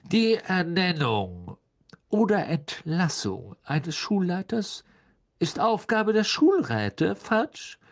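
A man's voice: fairly high pitch, sing-song, takes it slowly, gravelly, pitched above the performer's own voice, heavily acted. A man putting on a sneering, spiteful aristocrat. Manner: spiteful, condescending. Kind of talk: audiobook reading.

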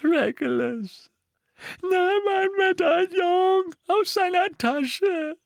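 A woman voicing a wretched, servile old male house-elf who speaks slowly and tearfully and refers to himself in the third person. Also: extremely high pitch, gravelly, no echo, clean studio sound, heavily acted. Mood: grieving. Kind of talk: audiobook character voicing.

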